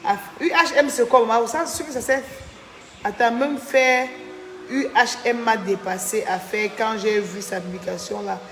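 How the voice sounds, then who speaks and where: A woman's voice: fairly high pitch, fairly even intonation, moderate pace, reverberant, in a large hall, slight background noise. A tired woman chatting on a live stream, thanking viewers by name and venting about a falling-out. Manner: chatty, reads out viewer names, indignant. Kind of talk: casual live-stream chat.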